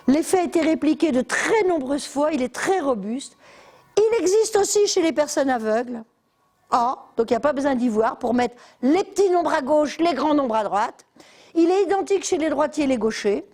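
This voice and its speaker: Chatty older Frenchwoman giving a lecture. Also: sits high. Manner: lively, chatty, many fillers and asides. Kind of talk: live lecture to an audience. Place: lecture hall.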